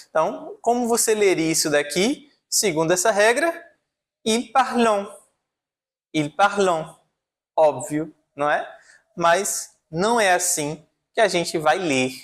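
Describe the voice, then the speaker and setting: A man's voice: high-pitched, big pitch swings, measured pace. A man teaching French pronunciation in an online lesson, explaining rules patiently and checking in with his viewers often.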